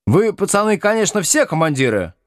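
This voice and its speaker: A man's voice: high voice, very animated, a little fast, no room sound, studio quality, pitched above the performer's own voice. A man voicing a pushy, chatty teenage girl in an audiobook. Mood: brash.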